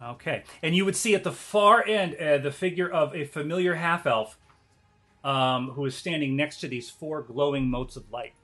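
A man narrating an online tabletop game as game master in a hesitant, halting way. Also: fairly high pitch, fairly bright tone, soft background music.

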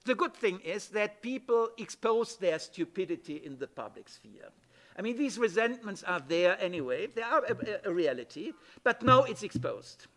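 Here a high, slightly bright voice belongs to a middle-aged man from Germany. Speaking emphatically during a panel conference talk, he keeps restarting his sentences and tossing in "yeah?" checks.

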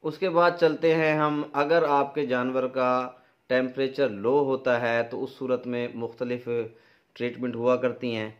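Speaking to camera in a flat, measured, mid-range voice, a middle-aged Pakistani-accented man explains farming matters in an informal, practical, instructive way. The audio is dull and lo-fi.

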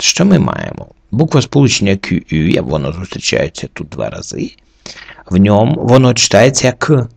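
A man's voice: lowish voice, vocal fry, a little mellow, husky, dry recording. A man teaching a recorded lesson, methodically walking through the reading rules letter by letter. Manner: methodical, slowly walks through each letter rule. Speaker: French teacher.

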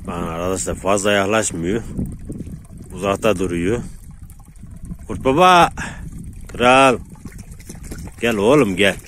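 A man's voice: lowish voice, takes it slowly, long pauses, fairly bright tone, slight background noise. Chatty man coaxing dogs outdoors. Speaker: dog owner vlogger. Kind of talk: casual vlog narration while handling dogs. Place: outdoors in rural countryside.

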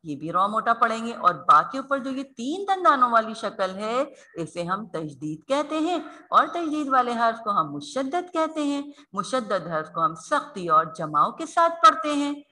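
A woman's voice: on the high side, very animated, moderate pace, hardly any pauses, bright, forceful tone. A woman teaching a recitation lesson online, explaining each rule patiently and addressing her students fondly as children. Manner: patient, explains step by step, calls students "beta".

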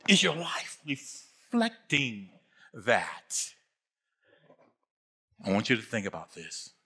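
A man's voice: fairly low pitch, huge pitch swings, slow pace, pushed and bright, slightly rough. An older man preaching a sermon as pastor, emphatic, repeating phrases and asking his congregation questions.

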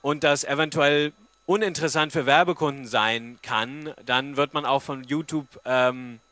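On a book fair forum stage, a man in his thirties gives an informal, explanatory talk into a handheld-type microphone on a stand and takes audience questions. His voice is medium-pitched and sharp in tone, with fairly even intonation and a measured pace, and there's no room sound.

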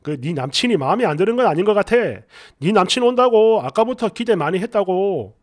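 A man voicing a calm older brother who talks gently and reassuringly. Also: high-pitched, brisk, no room sound, studio quality. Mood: soothing.

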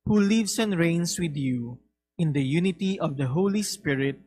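A man leading a formal recited prayer in a solemn, deliberate manner. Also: fairly high pitch, lively intonation, a little mellow. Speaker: prayer leader. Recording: clear background hum and noise.

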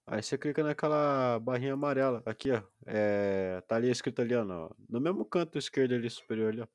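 A man's voice: medium pitch, fast, dry recording, clean studio sound. A man streaming a game, patiently explaining the menus to a friend step by step. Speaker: gaming livestreamer. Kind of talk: casual gaming stream chat.

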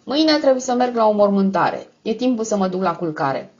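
A woman reading aloud voices a deaf older man with a thin, angelic voice who answers slowly. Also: animated, darkish tone, lo-fi sound, close to an everyday voice. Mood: tired. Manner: high, thin, slow replies.

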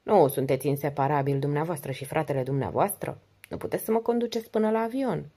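A woman voicing a beautiful young woman in an audiobook, speaking softly and wistfully. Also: deep voice, husky.

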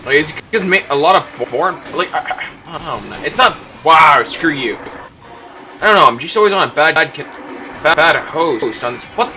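A man giving casual, self-mocking commentary over his own gameplay, prone to excitable outbursts. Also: on the high side, normal speed, soft background music. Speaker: gaming commentator.

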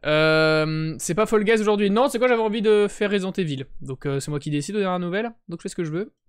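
A man's voice: high-pitched, fast talker, clear, resonant tone. A young man with a French accent chatting casually and joking with viewers as a live streamer. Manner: joking, greets chat viewers, self-mocking. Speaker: Twitch streamer.

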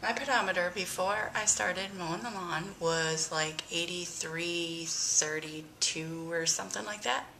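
A middle-aged woman and mother vlogging casually from her home, chatty with breathy sighs and sudden bursts of excitement. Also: lowish voice, measured pace, few pauses, slight background noise. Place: home, front room.

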